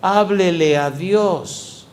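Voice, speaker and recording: A middle-aged male pastor preaching a lively sermon in a church, often asking the congregation questions. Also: high-pitched, very slow, a little hiss or hum. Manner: animated, asks the congregation repeated questions. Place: church sanctuary.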